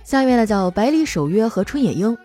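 A woman's voice: on the high side, very animated, quick pace, dark tone, soft background music. A woman hosting a show, reading out listeners' jokes and answering them with playful, teasing, self-mocking banter. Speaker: radio-style host reading listener jokes. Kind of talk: comedic joke reading and banter.

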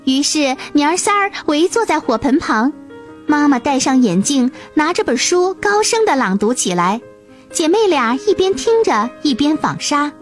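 A woman with a high-pitched voice narrates a children's fairy tale as a scripted storyteller. Faint music plays behind her. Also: very animated, normal speed.

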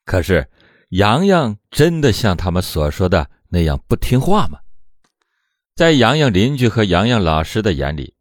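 A low-voiced man narrating a true crime case from a script. His pitch swings widely, springing up at the start of phrases and sinking at their ends. The close studio mic gives a dry sound with no room in it. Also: big pitch swings, normal speed, no room sound. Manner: dramatic, swooping emphasis on phrase openings. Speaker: true crime storyteller, show host.

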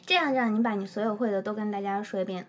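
A woman's voice: medium pitch, racing, slight background noise. A woman hosting a podcast in casual chat, playfully prompting her partner along. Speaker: podcast host. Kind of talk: casual chat, introducing the show.

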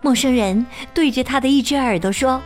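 A woman teacher reading a children's picture book aloud, expressive and sing-song with plenty of exclamations. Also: high-pitched, a little fast, faint music behind. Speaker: storyteller teacher.

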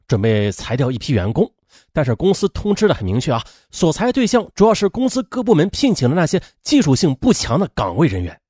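A man narrating a dramatic true-crime story in an expressive way, with emphatic asides. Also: fairly high pitch, no echo, studio quality.

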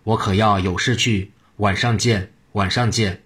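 A man's voice: fairly low pitch, fairly even intonation, a little slow, a bit bright, breathy edge. A man voicing an easygoing monk offering advice in a told story. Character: eccentric monk giving casual advice.

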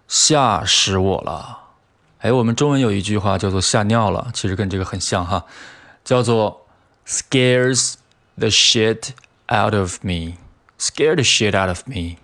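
A man hosting a vocabulary lesson as a teacher. He explains each phrase patiently with soft fillers and slowly repeats example phrases to model the pronunciation. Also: lowish voice. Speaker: English teacher and podcast host.

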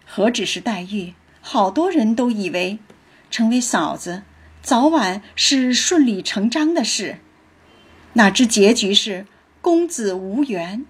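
A woman telling a story with reflective commentary, in a slow, thoughtful manner. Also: medium pitch, lively intonation, husky.

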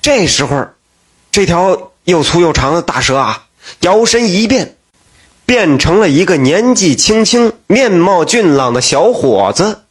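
A man narrating a folk tale in a lively, folksy manner. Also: high voice, unhurried, slightly rough. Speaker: storyteller.

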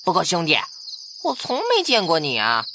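A woman's voice: fairly low pitch, huge pitch swings, moderate pace, sharp tone, a little hiss or hum, heavily acted. Woman voicing a swooping, chummy male field mouse. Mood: chummy, proud. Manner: chummy, swaggering. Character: big, easygoing, self-assured male field mouse. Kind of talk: children's audio fairy-tale acting.

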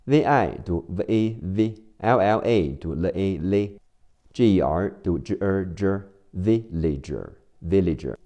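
A male teacher drilling English word spellings letter by letter, slow and deliberate. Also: sits low, expressive, warm tone. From China.

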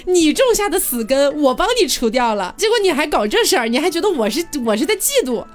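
A woman's voice: high voice, sing-song, fast, voice pushed up. A woman voicing a caring but stern young fox-spirit woman who scolds earnestly, in a spoken storytelling show. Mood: reproachful.

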